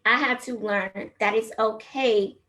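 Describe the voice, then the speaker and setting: A woman's voice: a little high, steady tone, a little slow, sharp tone. A woman teacher speaking over a video call, telling a personal story in an earnest, encouraging way. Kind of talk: personal testimony speech.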